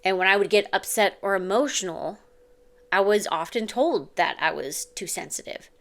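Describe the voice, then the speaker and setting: A woman who is a mother and parenting coach, giving earnest, confiding advice straight to her viewers and often checking in with a quick "okay?". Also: medium pitch, lively intonation, a bit bright. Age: adult mother. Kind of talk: direct-to-camera advice talk.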